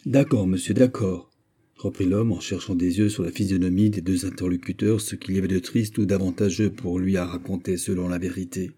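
Man narrating in a dark husky voice. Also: low voice, little pitch movement, brisk, few pauses. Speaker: audiobook narrator. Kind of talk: scripted narration of a classic novel.

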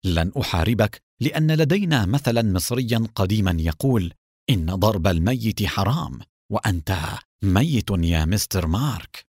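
A man voicing a calm, sarcastic male secret agent hero in an audiobook. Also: on the low side, normal speed, breathy edge, no echo, clean studio sound. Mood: calm mocking.

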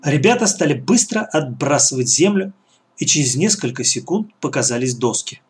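Male audiobook narrator, slightly high voice, storybook reading. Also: sing-song, normal speed. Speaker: audiobook reader. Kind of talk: scripted narration of a children's adventure story.

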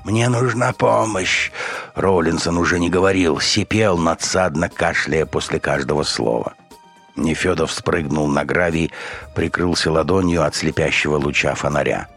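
A man reading an audiobook in steady scripted narration. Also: very deep voice, normal speed, husky. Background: faint music.

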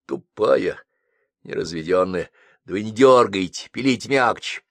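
A man's voice: on the low side, lively intonation, a little slow, creaky, fairly bright tone, no room sound, full character voice. A man voicing an irritated police captain who grumbles and hisses through his teeth. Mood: grumbling.

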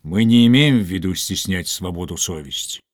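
A grave old commander, as a man puts him on pleads in a measured, earnest tone. The voice is low and plain, recorded dry and close. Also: lively intonation, dry recording. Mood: firm. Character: old male soldier commander, grave and fair.

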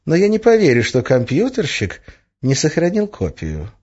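A man's voice: a little high, huge pitch swings, moderate pace, darkish tone, breathy edge, voice pushed up, heavily acted. A man voicing a sly, teasing young witch. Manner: teasing, coaxing, lilting. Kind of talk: audiobook character voice. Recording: slightly muffled lo-fi recording.

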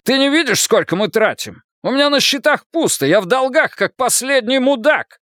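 A man's voice: very high-pitched, animated, normal speed, sharp tone, no room sound, clean studio sound, pitched above the performer's own voice, full character voice. A male reader voicing an irritable, debt-ridden middle-aged man who snaps and then turns guarded. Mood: furious. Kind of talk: audiobook character voice.

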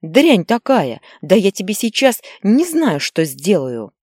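A woman voicing an angry, short-tempered mother who scolds and shouts harshly at her son. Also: low-pitched, big pitch swings, measured pace, no echo, clean studio sound, heavily acted. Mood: furious.

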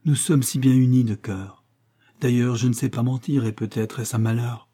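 An earnest young wife pours out a tender, moralizing letter, read by a man. The voice is dark and mellow with a husky grain, steady and solemn. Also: mid-range voice, moderate pace, close to an everyday voice.

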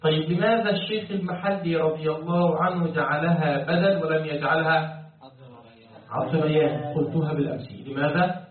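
A man's voice: a little high, fairly even intonation, a little fast. A man from Egypt, teaching a Quran commentary class. He questions his students and chants the verses. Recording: very echoey, distant, phone-like sound.

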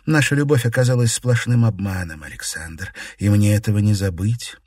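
A man's voice: lowish voice, moderate pace, darkish tone, breathy edge, no echo, studio quality. A man voicing a determined sorceress in an audiobook, speaking in a raised, intense way. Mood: resolute. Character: determined sorceress, woman, defiant and passionate. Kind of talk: audiobook character voice.

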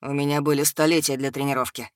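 A woman voicing a calm, sarcastic, centuries-old male dragon shapeshifter in an audiobook, in a low vibrating voice. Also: quick pace, no room sound, clean studio sound. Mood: calm, sardonic. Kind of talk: audiobook character voice.

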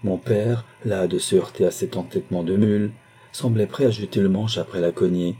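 Dark, husky male audiobook narrator. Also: sits low, steady tone, normal speed. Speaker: audiobook reader. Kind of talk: scripted literary narration.

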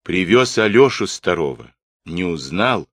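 Man voicing a grave, bitter Cossack, low and slow. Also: very animated, dry recording, heavily acted.

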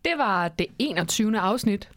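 A woman co-host chats casually, curious and friendly, asking questions at a mid pitch. The sound is dry and close. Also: lively intonation, fairly bright tone, no echo. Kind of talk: casual chat.

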